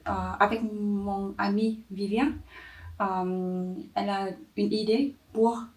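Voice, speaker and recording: A young woman from Vietnam, speaking French with a Vietnamese accent, answers interview questions hesitantly, with many pauses and fillers. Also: medium pitch, flat delivery, darkish tone, recorded from a distance. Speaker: interview guest, entrepreneur.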